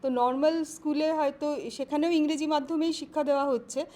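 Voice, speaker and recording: A woman professor answering interview questions on careers in a measured, explanatory way, pausing often to find her words. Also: high voice, fairly even intonation, warm tone. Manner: measured, explanatory, with frequent pauses and fillers.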